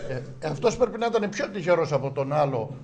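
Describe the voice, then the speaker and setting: Guy, pretty high voice, bouncy delivery, tosses in quick jokes and yeahs. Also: animated, darkish tone. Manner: chimes in with short agreements and his own jokes. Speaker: co-host. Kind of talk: casual chat.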